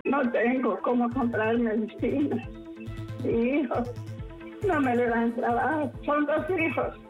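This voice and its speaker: An elderly Honduran woman calls in to a radio program and pleads in a halting way, stopping and restarting often. Her slightly high voice comes through a muffled phone line, with faint music behind. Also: steady tone. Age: 70s. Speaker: caller. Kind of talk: phone-in complaint.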